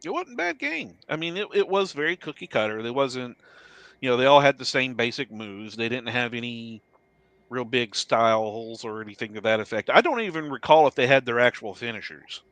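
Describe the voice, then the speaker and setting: Bright, dry-voiced laughing man. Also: mid-range voice, a little fast, dry recording. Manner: laughs often, tells anecdotes. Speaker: podcast co-host. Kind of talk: casual chat.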